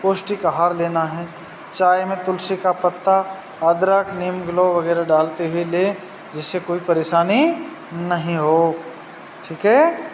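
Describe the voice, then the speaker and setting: A Sanskrit teacher with a high-sitting voice and a Hindi-speaking Rajasthani accent works slowly through a recorded lesson, saying each word and its meaning again and talking straight to his students. The room echoes, and faint traffic can be heard.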